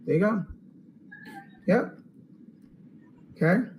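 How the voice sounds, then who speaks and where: A man hosting a live webinar Q&A, upbeat and salesy, checking in with "okay?" and going hoarse. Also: high-pitched, animated, slow, darkish tone, a little hiss or hum, low-quality recording. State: losing his voice. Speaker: online course host.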